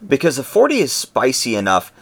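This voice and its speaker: A man co-hosting a podcast, talking in a relaxed, conversational way and explaining his points at length. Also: medium pitch, brisk, vocal fry. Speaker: podcast co-host. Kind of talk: casual podcast chat.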